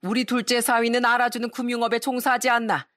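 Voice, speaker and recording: A woman voicing a harsh, bossy mother-in-law who barks orders and sneers. Her voice sits higher and a bit louder than plain talk. The sound is dry and close. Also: moderate pace, no echo, natural voice. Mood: scolding contemptuous. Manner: scolding, contemptuous, commanding.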